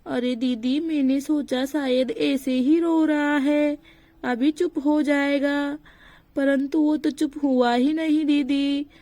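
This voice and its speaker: A woman's voice: fairly high pitch, steady tone, takes it slowly, dry recording. A woman voicing a worried young village mother in a doll storybook, anxious and pleading.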